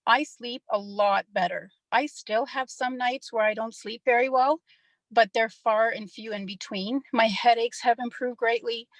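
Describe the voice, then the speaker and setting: A woman's voice: on the high side, steady tone, a little slow, no room sound. A middle-aged woman, somewhat nervous, giving a personal testimonial on a group call.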